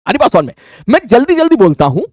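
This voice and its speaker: A man teaching a live online class, talking fast and repeating his phrases with frequent checks for understanding. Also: extremely high pitch, big pitch swings, darkish tone, no echo, studio quality.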